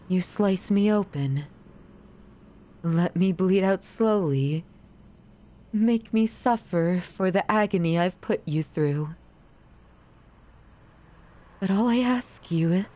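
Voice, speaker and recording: In a dramatic ASMR roleplay, a woman with a warm, mid-range voice plays an obsessive, possessive yandere lover. She pleads with the listener intimately and haltingly.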